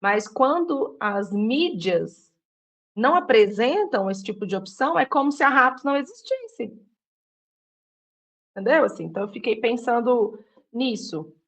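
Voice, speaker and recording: A woman's voice: fairly high pitch, big pitch swings, unhurried. A woman who works in public mental health care, talking in a reflective, questioning way with many small fillers, in a casual panel discussion.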